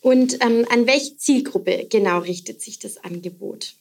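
A woman hosting a podcast, opening the episode and moderating the interview in a friendly, clear way. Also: fairly high pitch, measured pace. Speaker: podcast host, education officer.

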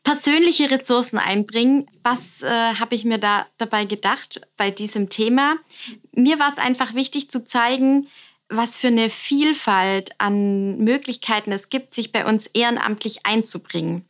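A woman hosting a podcast interview, asking questions in a calm, measured way. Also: on the high side. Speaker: podcast host and education officer at a hospice academy.

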